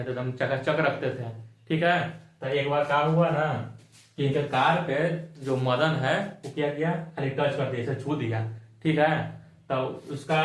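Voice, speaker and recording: A man explaining a chapter for exams, colloquial and repetitive, asking and answering his own questions. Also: medium pitch. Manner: colloquial, repeats key points, asks and answers own questions. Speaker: teacher. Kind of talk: exam-focused chapter explanation. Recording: echoey room.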